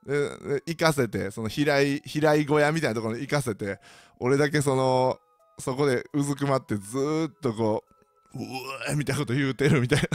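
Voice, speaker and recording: A man's voice: mid-range voice, a little fast, dry recording, faint music behind. A man with a Kansai accent tells a comic personal anecdote, full of sound effects and self-mockery.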